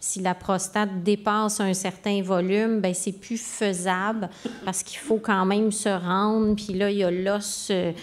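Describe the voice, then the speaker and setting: A woman's voice: mid-range voice, flat delivery, measured pace. A woman with a Québécois accent, a medical specialist giving an informal expert explanation to the public.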